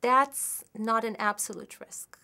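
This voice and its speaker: A woman lecturer in marketing giving an expert explanation, measured and methodical, building her points with examples and sometimes correcting herself mid-sentence. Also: on the high side, gravelly, pushed and bright. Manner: occasional restarts and self-corrections.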